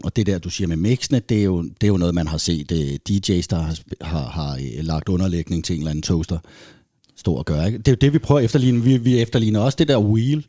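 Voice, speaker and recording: A man's voice: low voice, dark tone, dry recording, clean studio sound. A man, a reggae band musician, talking casually with many restarts and fillers. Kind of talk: casual conversation.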